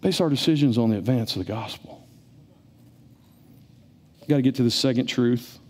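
A middle-aged man, preaching a sermon in a church in an animated, conversational way. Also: normal speed, husky. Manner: animated, conversational preaching, rising to emphatic high peaks. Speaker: pastor. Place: church sanctuary.

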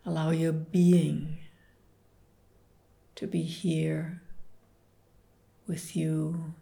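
A woman leading a guided relaxation meditation, speaking softly and partly in whispers. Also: deep voice, level tone, creaky. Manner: soft, slow, soothing, partly whispered.

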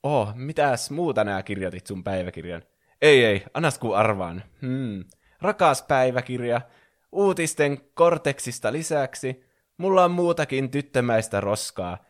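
Guy doing a lazy teasing bandicoot kid, mocks in a sing-song pitched-up voice. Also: lively intonation, lightly acted. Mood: mocking. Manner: teasing, mocking.

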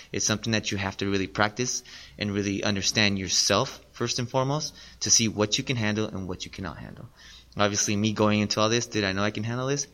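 A man's voice: fairly low pitch, sharp tone. A man in his late thirties, a podcast guest, talking casually and earnestly, often repeating himself. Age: 30s. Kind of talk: casual interview talk.

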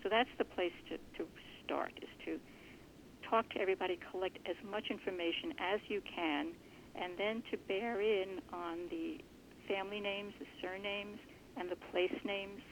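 Gravelly woman explaining earnestly. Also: mid-range voice, fairly even intonation, moderate pace, slight background noise. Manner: earnest, thoughtful explaining with small restarts. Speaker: genealogist guest. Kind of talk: conversational interview answers. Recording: muffled lo-fi recording.

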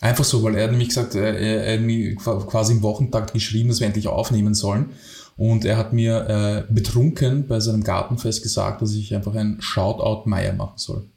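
Ein Mann mit Wiener Akzent, Co-Moderator eines Podcasts, erzählt lebhaft und lachend Anekdoten. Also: male voice, fairly low pitch, fairly quick, vocal fry, echoey room. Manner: animated, laughing while telling anecdotes. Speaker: podcast co-host. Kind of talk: casual storytelling.

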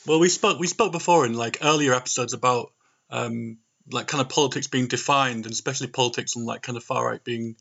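A man's voice: medium pitch, brisk, creaky, a bit bright, breathy edge. A man co-hosting a casual podcast from home, speaking hesitantly with many fillers, his voice tinny from a laptop microphone. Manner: hesitant, full of "um" and "like". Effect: tinny laptop-mic sound. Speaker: podcast co-host. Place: home during isolation. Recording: dull lo-fi laptop recording.

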